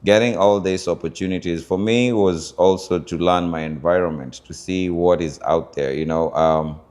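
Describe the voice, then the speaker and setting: A man from Kenya with a Kenyan accent, telling his life story in an interview and often pausing with fillers as he searches for words. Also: low-pitched, darkish tone. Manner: thoughtful, searching for words with many pauses and fillers. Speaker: interview guest, founder of a culture group.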